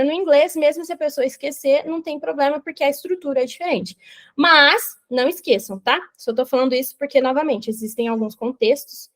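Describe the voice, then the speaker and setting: A young woman with a Brazilian Portuguese accent teaching an online English grammar lesson in a lively, explanatory way, often checking in with her students. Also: sits high.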